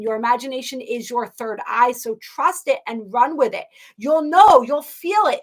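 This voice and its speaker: A woman's voice: on the high side, a bit bright. A woman hosting a live spiritual stream, talking casually and effusively to viewers, rambling with many restarts and at times near tears. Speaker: host of a live astrology and tarot stream.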